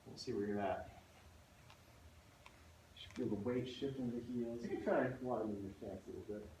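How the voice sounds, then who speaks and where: His voice is mellow and mid-range, moving at a moderate pace, as he coaches a spinal stability class and demonstrates each exercise with mild breathlessness. Picked up by a far-off mic in an echoing room, with faint noise underneath.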